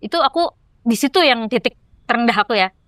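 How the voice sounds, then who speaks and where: A young adult woman, a podcast guest, telling a personal story in a casual chat, lively and acting out the dialogue she recalls. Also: on the high side, a little fast, no room sound, clean studio sound. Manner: lively, acts out quoted dialogue.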